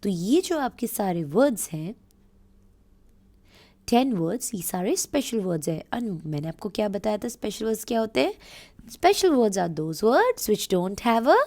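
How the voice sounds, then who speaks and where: A woman with an Indian English accent, a Hindi speaker, teaching children a phonics read-along and switching between English and Hindi. She repeats words slowly, asks questions and answers them herself. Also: medium pitch, big pitch swings, darkish tone. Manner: slow, drawn-out word repetition, switching between English and Hindi explanations.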